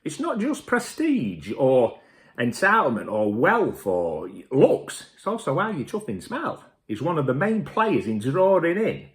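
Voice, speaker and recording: A man's voice: fairly high pitch, huge pitch swings, unhurried. A man hosting a show in a boisterous, sweary, rambling comic rant to camera. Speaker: host.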